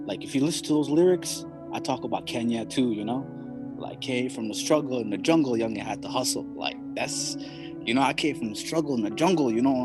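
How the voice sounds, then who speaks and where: A young man from Somalia, a hip hop artist, speaking in a laid-back, halting way full of fillers. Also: mid-range voice. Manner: laid-back, halting, constant "you know". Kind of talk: casual interview.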